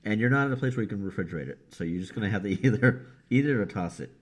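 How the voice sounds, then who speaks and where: A man's voice: lowish voice, lively intonation, racing. A man co-hosting a casual wrestling podcast, rambling through his points and laughing at himself. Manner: rambling, laughs easily, self-mocking. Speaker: podcast co-host. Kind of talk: casual chat.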